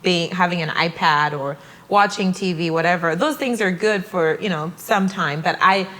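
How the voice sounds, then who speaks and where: A woman's voice: fairly low pitch, moderate pace, fairly bright tone, poor audio. A young woman from Malawi, speaking reflectively as an interview guest. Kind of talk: casual interview conversation.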